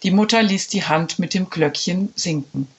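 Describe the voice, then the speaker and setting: A woman narrating a children's story in an expressive storytelling manner. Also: lowish voice, moderate pace, husky.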